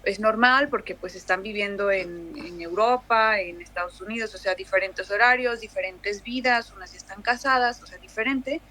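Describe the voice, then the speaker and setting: A woman's voice: medium pitch, normal speed, few pauses, bright, forceful tone. A young Mexican woman with a Mexican accent, chatting casually as a guest, full of fillers and restarts. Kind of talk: casual conversation.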